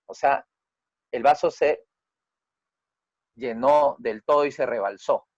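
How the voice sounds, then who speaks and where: A man's voice: slow pace, darkish tone, dry recording, muffled recording. A man, a family therapist teaching a group lesson, who explains step by step, keeps checking with his listeners, and acts out quoted dialogue by raising his voice. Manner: acts out quoted dialogue with raised pitch and volume.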